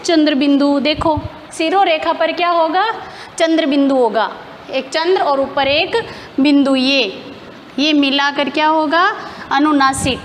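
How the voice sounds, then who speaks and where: High-voiced woman teaching grammar, echoey. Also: steady tone, a little slow, slight background noise. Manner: explains step by step, asks and answers her own questions. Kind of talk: classroom lesson.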